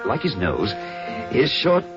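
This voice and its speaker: A man's voice: mid-range voice, huge pitch swings, takes it slowly. An actor playing an earnest young sailor who narrates his whaling voyage in literary, dramatised audio drama style. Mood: earnest, storytelling. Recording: dull lo-fi radio drama, loud music.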